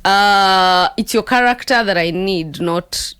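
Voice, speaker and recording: A woman's voice: medium pitch, slow, a bit bright, clean tone, dry recording. A woman with a Kenyan accent giving conversational relationship advice in a mix of English and Swahili, repeating phrases for emphasis. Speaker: talk show host giving relationship advice.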